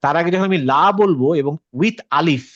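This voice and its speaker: Male tajweed teacher, slightly raised pitch, patient and questioning, dull dry lo-fi sound. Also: moderate pace, fairly bright tone, dry recording. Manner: patient, checks with students by asking questions; mixes English words into his talk. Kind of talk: interactive class explanation.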